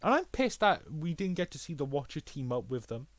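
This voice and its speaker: A man co-hosting a podcast, chatting casually and excitedly, swearing and acting out characters' lines. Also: on the high side, a little fast. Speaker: podcast co-host. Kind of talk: casual chat.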